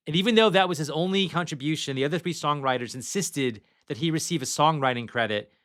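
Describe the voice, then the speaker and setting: A man hosting a relaxed movie podcast, with a bright, forward tone. He chats loosely and reads off trivia from his notes. He swears casually as he goes. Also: mid-range voice. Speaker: podcast host.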